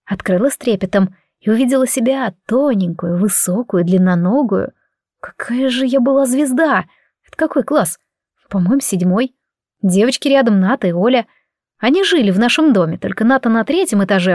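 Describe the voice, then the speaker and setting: Audiobook casting: woman narrator, middle pitch, wry and reflective, dry close mic. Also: darkish tone, no echo. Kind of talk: first-person audiobook narration.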